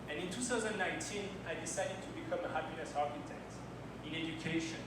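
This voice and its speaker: Speaking quickly with a fairly high pitch, a man from France in his thirties gives a timed slide talk at a launch party, weaving in personal anecdotes. English isn't his first language, and his phrasing shows it. Noise, a distant mic and a very echoey hall color the recording.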